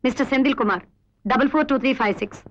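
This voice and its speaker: An actress playing a police officer in a film, talking in a firm, impatient way. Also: female voice, high voice, fast, noisy background, close to an everyday voice. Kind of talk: film dialogue. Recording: dull lo-fi film audio with music.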